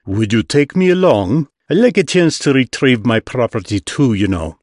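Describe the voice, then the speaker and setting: A wary male traveler-inventor, guarded and earnest, as a man reads him. His voice sits low and plain with some lively movement. The recording is dry and close. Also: normal speed, dry recording, close to an everyday voice.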